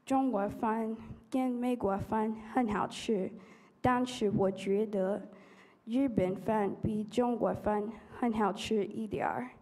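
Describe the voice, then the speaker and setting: A teenage girl with an American accent, a native English speaker, giving a prepared speech in halting learner's Mandarin as a foreigner. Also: on the high side, darkish tone. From United States. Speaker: high school student contestant. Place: auditorium stage at a podium. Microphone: podium microphones.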